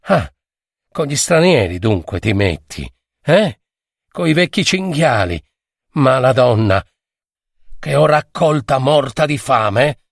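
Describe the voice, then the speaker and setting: A man voicing a jealous, crooked-legged peasant husband who speaks in a sharp, suspicious way. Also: medium pitch, big pitch swings, slow pace, gravelly, long pauses, no room sound, studio quality, exaggerated voice.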